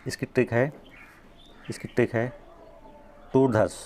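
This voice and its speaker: A man's voice: lowish voice, normal speed, a little mellow, a little hiss or hum. A man teaching an exam-prep grammar lesson, explaining step by step, drawing out the sounds he demonstrates and checking in often.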